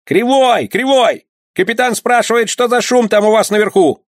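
A man voicing an ugly male pirate lackey who shouts up from below deck. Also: high voice, brisk, no echo, clean studio sound, voice pushed up, natural voice. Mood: yelling.

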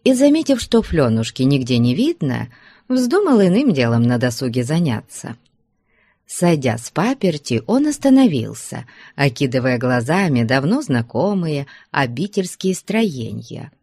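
A woman reading a literary novel aloud in a low voice with wide, lively swings of pitch. The recording is close and dry, with no room around it. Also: unhurried, breathy edge, dry recording. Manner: expressive, storytelling. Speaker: audiobook narrator. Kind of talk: literary audiobook narration.

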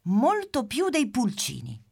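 A woman's voice: fairly high pitch, huge pitch swings, slow, gravelly, a little mellow, slightly rough, voice pushed up, full character voice. Pimpa, a woman doing a chirpy puppy. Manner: eager, bouncy, asks lots of questions. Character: cheerful curious little female puppy. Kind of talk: storybook character voice.

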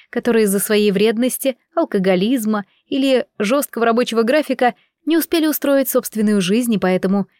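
A woman narrating an audiobook at a middle pitch. Her reading is measured and expressive. The sound is dry and close, with no room around it. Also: no room sound. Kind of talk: scripted narration.

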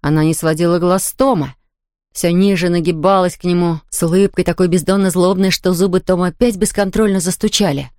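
Female audiobook narrator, steady telling, dry close sound. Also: on the low side, a little fast, dry recording. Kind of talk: scripted narration.

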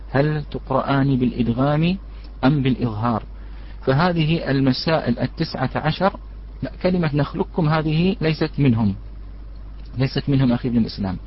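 A man's voice: mid-range voice, slight background noise. A man teaching a religious lesson on recitation rules, addressing his listeners as brothers and asking them questions before answering. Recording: dull lo-fi recording.

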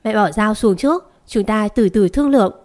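Stubborn young master, read by a woman narrator; curt and forceful. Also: medium pitch, fairly quick, natural voice. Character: young master, stubborn young man, quick-tempered.

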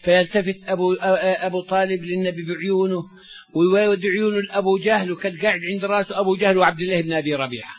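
A man's voice: high voice, fairly even intonation, quick pace. An older man giving a sermon-style Quran commentary, telling stories in everyday speech between recited verses, with stammering restarts. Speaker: Islamic scholar giving a Quran commentary lesson. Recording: dull lo-fi dry recording.

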